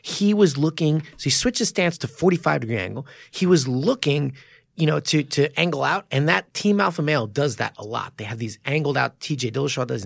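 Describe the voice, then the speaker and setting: Man, gravelly voice, dry studio sound, eager casual explainer, podcast co-host. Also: mid-range voice, no echo. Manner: enthusiastic, explaining fight technique.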